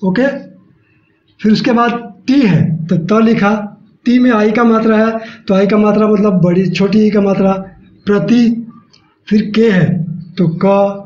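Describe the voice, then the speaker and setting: High-voiced man teaching slowly in an echoey room. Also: steady tone, a little mellow. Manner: slow, repeats each step, explains aloud while writing. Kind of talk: step-by-step classroom lesson. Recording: echoey room, dull lo-fi sound.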